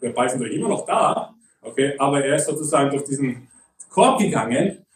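A man preaching a sermon in a conversational way, often checking in with "okay?", and reading scripture slowly. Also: mid-range voice, expressive, roomy sound, recorded from a distance, poor audio. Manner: reads Bible verses slowly and deliberately.

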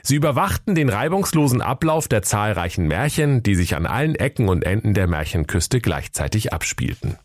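Playful storyteller with a northern German accent. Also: male voice, on the low side, big pitch swings, fairly quick, few pauses, no room sound, studio quality. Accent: Schleswig-Holstein. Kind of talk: comic fairy-tale narration.

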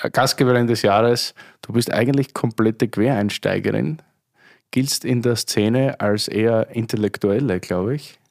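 Chatty male wine podcast host. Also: mid-range voice. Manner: chatty, effusive in praise. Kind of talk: casual chat.

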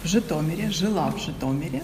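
A woman's voice: on the low side, expressive, fast talker. A woman from Ukraine giving brief, hesitant interview replies. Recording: echoey hall with noise.

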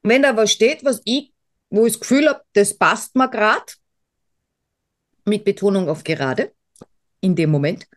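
A woman's voice: mid-range voice, big pitch swings, normal speed. A woman co-hosting a podcast in casual chat, rambling and self-mocking, with many fillers and restarts. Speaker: podcast co-host.

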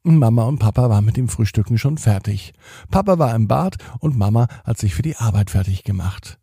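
A man narrating a children's story slowly and gently, with expressive read-aloud delivery. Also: fairly low pitch, gravelly, slightly rough, no echo, clean studio sound.

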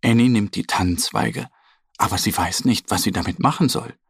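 A man reading a children's story aloud in a slow, lively, expressive way. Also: lowish voice, vocal fry, breathy edge, no echo, studio quality.

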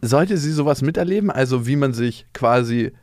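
A man's voice: mid-range voice, moderate pace, no room sound, clean studio sound. A man, co-hosting a casual podcast chat and acting out the people in his stories. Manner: animated storyteller, acts out quotes in voices. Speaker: podcast co-host.

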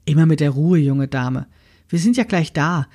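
A woman voicing a kind, mysterious old grandmother with a calm, gently teasing way of talking. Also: low-pitched, normal speed. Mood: kindly.

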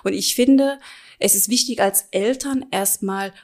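A chatty woman in her thirties, speaking at an ordinary mid pitch as an interview guest. She explains things easily and loosely, dropping frequent small fillers as she goes. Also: measured pace, a little mellow. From Germany. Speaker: nutrition advisor, guest. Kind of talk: casual interview chat.

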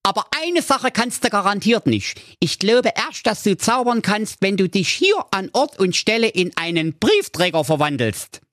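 A high, cheeky talking dog. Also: male voice, moderate pace, few pauses, dry recording, clean studio sound. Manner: impudent, mock-flattering.

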